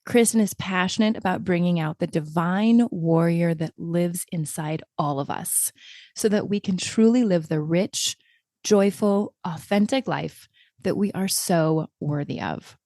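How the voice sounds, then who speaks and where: A woman's voice: on the low side, a little slow, darkish tone, no echo, clean studio sound. A woman hosting a podcast, reading an upbeat scripted intro and then chatting effusively with a guest. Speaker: podcast host. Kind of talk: scripted intro and interview chat.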